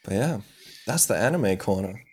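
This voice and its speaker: A man's voice: on the low side, expressive, moderate pace. A man co-hosting a movie podcast, casually retelling an anime plot with lots of swearing and fillers. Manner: swears freely, loose storytelling with many fillers. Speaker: podcast co-host.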